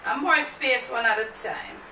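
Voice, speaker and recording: A woman's voice: on the high side, measured pace, bright, forceful tone. A woman with a Jamaican accent hosting a mukbang vlog, chatting to camera and slipping into patois. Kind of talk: casual chat to camera. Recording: echoey room, mic far off, faint noise.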